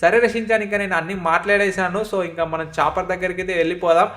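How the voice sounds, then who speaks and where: Someone doing a fussy worried uncle, game parody dub, talks fast, pretty flat. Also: mid-range voice, lightly acted. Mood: casual. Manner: scolding, calling the boy over and over. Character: worried, fussing grown-up uncle. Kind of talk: fan-dubbed game parody.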